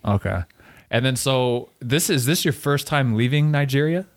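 A man hosting a casual podcast interview, chatty and relaxed, often restarting his sentences. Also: mid-range voice, normal speed. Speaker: podcast host.

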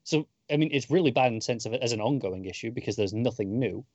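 A man's voice: mid-range voice, expressive, fast, a little mellow, dry recording, muffled recording. A man co-hosting a podcast in casual chat, hesitant and restarting his sentences. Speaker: podcast co-host.

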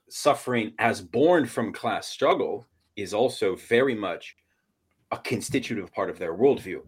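A man with a somewhat low voice talks through political ideas in a halting, analytical manner. He is from Portland, Oregon and co-hosts a casual discussion. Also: husky. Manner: hesitant, analytical, restarts a lot. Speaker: podcast co-host.

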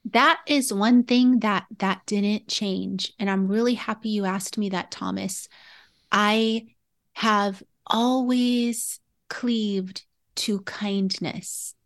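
A woman's voice: mid-range voice, steady tone, slow pace. A woman guest in an interview, speaking earnestly and reflectively, often breaking into laughter. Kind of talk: candid interview conversation.

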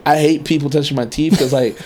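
A man's voice: on the high side, a little fast. A man with an American accent chatting casually, telling stories in profane slang and acting out reactions. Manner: slangy, profane, animated retelling with quoted reactions. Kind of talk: casual chat, storytelling.

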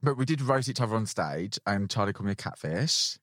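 A man's voice: fairly low pitch, lively intonation, brisk, a bit bright, no echo, studio quality. A man hosting a casual podcast chat, candid and teasing in the way he talks. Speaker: podcast host.

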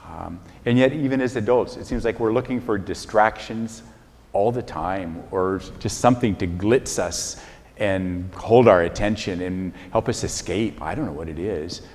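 Older priest with a low voice in a reverberant church. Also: male voice, moderate pace. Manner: relaxed, chuckling, self-deprecating storytelling. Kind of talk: conversational homily. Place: large church.

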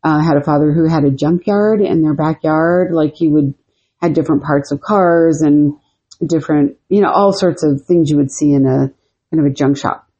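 A woman's voice: sits low, moderate pace, mellow, slightly rough, muffled recording. A woman co-hosting a podcast, telling stories in a rambling, casual way with many fillers. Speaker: podcast co-host. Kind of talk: casual storytelling chat.

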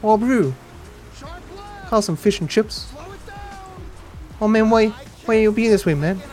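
A man doing a deliberately bad, high-pitched imitation of a New Zealand bloke. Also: darkish tone, soft background music. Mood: joking. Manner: jokey, high and strained.

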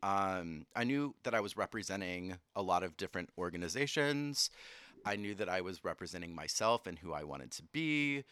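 A man's voice: low-pitched, normal speed, clean tone, no room sound. A young American man, a leather titleholder, chatting frankly and jokingly in an interview. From United States. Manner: animated, laughing, frank and joking. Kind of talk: casual chat.

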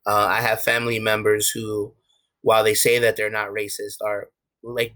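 A young American man with a New York accent talks candidly as a guest in a casual interview, restarting often and using lots of fillers. His voice is mid-range with a fairly bright tone, and the audio is poor.

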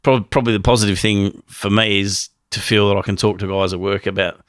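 A man's voice: on the low side, steady tone, fairly quick, fairly bright tone, clear, resonant tone, no room sound, clean studio sound. A man, sheepishly telling a funny personal story as an interview guest and laughing as he goes. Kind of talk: casual storytelling.

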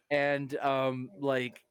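A man's voice: mid-range voice, monotone, very slow, fairly bright tone. A man playing a tabletop game, chatty and joking, often breaking into laughs. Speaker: player. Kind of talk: casual tabletop play.

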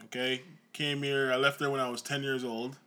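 A man from Jamaica co-hosting a podcast with his wife, telling stories in a relaxed, chatty way. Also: mid-range voice, brisk. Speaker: podcast co-host. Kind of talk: casual chat.

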